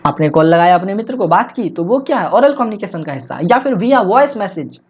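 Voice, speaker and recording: A man teaching as an exam-prep tutor, asking rhetorical questions and answering them himself, and slowly reading English textbook lines aloud. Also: high voice, sing-song, husky. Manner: asks rhetorical questions and answers them himself, often says "theek hai". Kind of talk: explanatory online lecture. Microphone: voice-only recording, face not shown.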